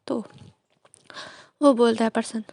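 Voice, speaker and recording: Female narrator, casual chatty retelling, gravelly high voice. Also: fairly even intonation, slow pace, a little mellow, no echo, studio quality. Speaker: story narrator. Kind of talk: casual storytelling.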